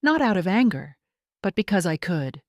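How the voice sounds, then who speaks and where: Female storyteller, steady and reflective, reading in the first person with a dry sound. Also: fairly low pitch, no room sound. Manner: measured, calm, reflective. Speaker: narrator.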